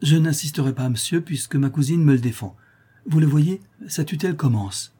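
A man's voice: medium pitch, steady tone, a little fast, warm tone, slightly rough, close to an everyday voice. A man voices a cordial, earnest young nobleman with a polite, eager manner.

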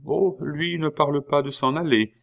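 A man's voice: fairly high pitch, steady tone, normal speed, gravelly, voice pushed up. Man doing a proud, indignant queen. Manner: sharp, indignant retorts. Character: Queen Marie-Antoinette, proud, bitter, quick to anger.

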